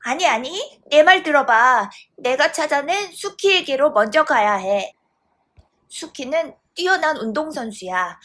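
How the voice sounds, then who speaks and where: A tearful young angel, voiced by a woman, pleads urgently, close to crying. The voice sits high and swings widely. It belongs to a children's storybook reading. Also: fairly bright tone, exaggerated voice. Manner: pleading, near tears.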